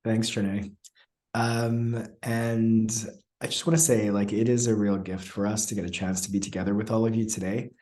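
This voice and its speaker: A man facilitating an online session, speaking in a relaxed way with many fillers and pauses over a video call. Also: lowish voice. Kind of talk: online webinar talk.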